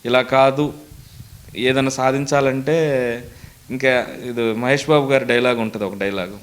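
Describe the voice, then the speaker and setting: A man's voice: mid-range voice, fairly even intonation, normal speed. A young man, a mimicry artist answering interview questions earnestly, in a storytelling way. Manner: earnest, storytelling, lists names steadily.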